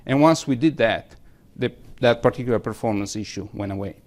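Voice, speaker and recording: A man presenting at a technical conference, recapping advice and answering a question in a measured way. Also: mid-range voice, a little mellow. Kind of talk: conference tech talk. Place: conference room.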